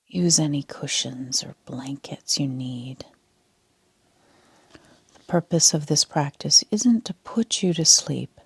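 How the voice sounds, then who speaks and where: Guiding a sleep meditation, this female yoga nidra instructor speaks softly in a calm, soothing half-whisper. Her voice is low and husky, with no echo.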